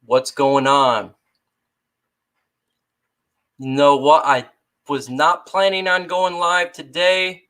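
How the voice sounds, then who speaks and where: A woman live-streaming a fired-up, exasperated rant to her chat, shouting out viewers between complaints. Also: deep voice, flat delivery, takes it slowly, pauses often, poor audio. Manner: reads out chat shout-outs.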